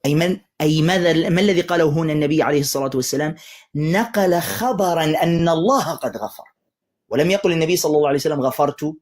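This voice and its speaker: A man hosting a live religious debate stream, lecturing forcefully and cutting in to taunt a caller. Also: fairly high pitch, rapid-fire.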